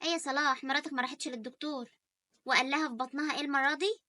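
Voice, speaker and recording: A woman with an Egyptian Arabic accent voicing an elderly, pushy, doting mother in an animated story, talking fast and insistently. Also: high-pitched, no room sound. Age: older.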